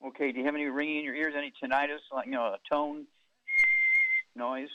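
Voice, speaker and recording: A man hosting a call-in health radio show, firing quick yes-no questions at callers and giving folksy analogies, taped off the radio. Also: mid-range voice, little pitch movement, no echo. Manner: quizzes callers, many "okay"s, folksy analogies. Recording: dull radio broadcast taped off air.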